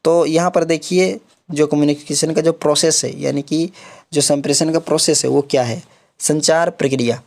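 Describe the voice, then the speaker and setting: A man's voice: a little high, steady tone, moderate pace, creaky, a little mellow. A young man giving a casual exam-prep lecture, filling his explanations with repeated check-ins and English terms. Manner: repeats "theek hai" often, mixes English terms into Hindi. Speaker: online exam-prep tutor.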